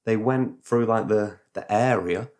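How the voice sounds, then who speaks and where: A man's voice: lowish voice, a little slow. Man rambling through a story. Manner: rambling, animated retelling with sound effects. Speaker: podcast host. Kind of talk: casual storytelling chat.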